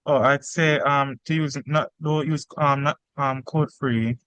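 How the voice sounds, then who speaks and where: A man's voice: mid-range voice, fairly even intonation, unhurried, fairly bright tone, smooth, dry recording. A male student answering hesitantly on a video call, his audio breaking up and cutting in and out over a bad connection. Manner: hesitant, with many fillers and restarts. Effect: choppy audio dropping in and out over a bad internet connection. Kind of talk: answering in an online class.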